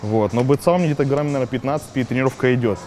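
Young guy in his 20s talking fast to viewers at the gym, faint music behind. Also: medium pitch, darkish tone. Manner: chatty, addresses viewers directly. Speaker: bodybuilder guest. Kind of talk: casual talk to viewers. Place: indoor gym.

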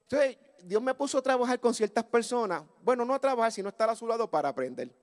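A male pastor, preaching a fervent Pentecostal sermon through a story that builds to loud exclamations. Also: extremely high pitch, expressive, quick pace. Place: church service.

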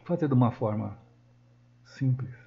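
A Brazilian man with a Brazilian Portuguese accent talks through a software tutorial while he works on screen. He thinks aloud, stops to correct himself, and keeps checking in with his students. The sound is dull and lo-fi, picked up by a desktop mic, with his voice sitting at a middle pitch for a man. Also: expressive, a little slow, gravelly. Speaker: software instructor.

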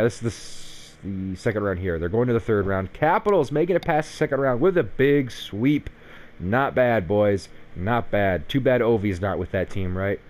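A man's voice: fairly low pitch, a little mellow. A young man giving casual, sarcastic gameplay commentary on a hockey game, swearing freely when frustrated. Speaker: gaming YouTuber.

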